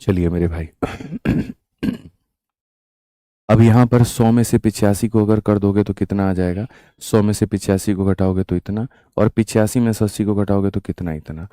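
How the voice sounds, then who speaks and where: A man's voice: lowish voice, fairly even intonation, normal speed, warm tone, dry recording, clean studio sound. A man with a sore throat teaching a live-streamed maths lesson, asking his students question after question. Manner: addresses students as "mere bhai" and "bachchon", with repetitive rhetorical questions.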